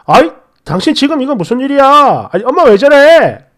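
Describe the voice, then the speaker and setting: A flustered middle-aged husband pleads with his upset wife loudly and urgently, as a woman puts him on. His voice sits fairly high and moves a lot, pushing to calm her in a read-aloud family story. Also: normal speed. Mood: alarmed.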